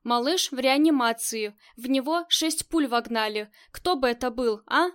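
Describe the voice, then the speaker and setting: A woman's voice: high voice, normal speed, a bit bright, smooth. A woman voicing a stubborn, tough female gang leader in an audiobook, curt and commanding. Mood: tense. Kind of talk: audiobook character reading.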